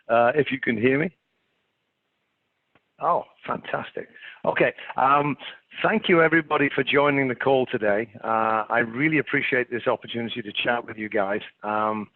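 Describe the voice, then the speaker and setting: A man's voice: medium pitch, dry recording. A middle-aged man with an English accent giving an informal webinar presentation, hesitant, polite and self-deprecating. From England. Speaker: webinar presenter, clinical consultant. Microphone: remote webinar call. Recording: narrow phone-like line.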